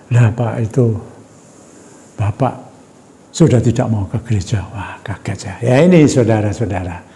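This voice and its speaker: A man's voice: mid-range voice, dark tone. Indonesian evangelist man telling a story. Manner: storytelling, often addresses listeners as "saudara". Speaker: evangelist preacher. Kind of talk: sermon with a personal story.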